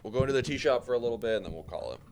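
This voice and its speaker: A man's voice: medium pitch, animated, very fast, darkish tone, slight background noise. A man streaming a video game, reading its text aloud casually with muttered asides and swearing.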